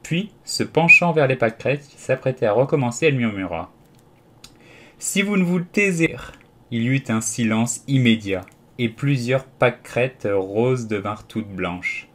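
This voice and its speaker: A man narrating a classic children's story as an audiobook, steady and expressive. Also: mid-range voice, moderate pace, slight background noise. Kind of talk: scripted narration.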